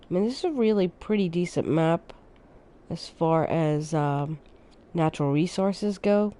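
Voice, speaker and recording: A woman streaming a city-building game, casually thinking aloud as she plays and sounding a little sleepy. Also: fairly low pitch. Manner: relaxed, thinking aloud, unhurried. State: sleepy, yawning. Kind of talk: casual gameplay commentary.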